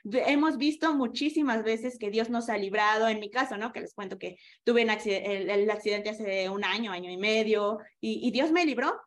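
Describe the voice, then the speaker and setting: A woman's voice: medium pitch, normal speed, few pauses. A woman leading an online women's Bible study, teaching with animation and asking her listeners questions over a video call.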